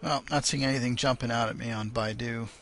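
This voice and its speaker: A man's voice: mid-range voice, fairly even intonation, a little fast, a bit bright, a little hiss or hum. An American man giving casual live market commentary as host of an online trading show.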